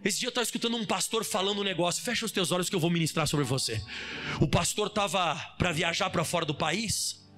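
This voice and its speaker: A man preaching a sermon as pastor, animated, firing rhetorical questions at the congregation and shouting for emphasis. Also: high-pitched, fast talker, soft background music. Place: church service hall.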